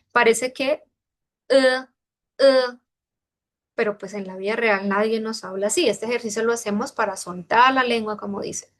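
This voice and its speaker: Woman teaching sounds with slow demonstrations. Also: fairly high pitch. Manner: demonstrates sounds slowly and repeatedly; explanatory, checks understanding with questions. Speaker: Mandarin teacher. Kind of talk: online pronunciation lesson.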